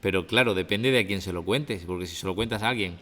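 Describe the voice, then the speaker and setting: A man's voice: sits low, fast talker, pushed and bright, in a large hall. A man, co-hosting a podcast, who politely cuts in with questions and objections. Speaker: podcast co-host. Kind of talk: conversational podcast talk.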